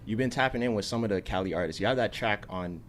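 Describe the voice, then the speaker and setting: A man's voice: lowish voice, quick pace. A man interviewing in a casual, informal way with plenty of slang, over faint ambient noise.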